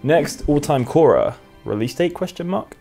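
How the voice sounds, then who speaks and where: A man co-hosting a casual Q&A, reading out community questions briskly and adding short agreeing asides. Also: on the high side, lively intonation, gravelly, warm tone, soft background music. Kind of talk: casual Q&A chat.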